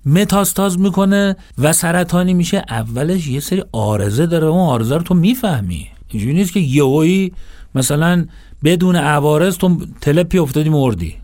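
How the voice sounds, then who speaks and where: A religious lecturer with a voice on the high side delivers an animated Quranic sermon with colloquial asides. He moves back and forth between recitation and conversational address.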